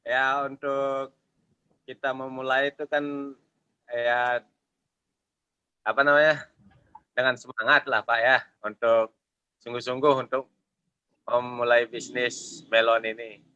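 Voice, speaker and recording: A man speaking as a guest in an online webinar, his voice choppy and breaking up over the call, halting as he searches for words. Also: mid-range voice, level tone, sharp tone, clear, resonant tone, dry recording. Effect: choppy, breaking-up online call audio. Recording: dry, lo-fi online call audio.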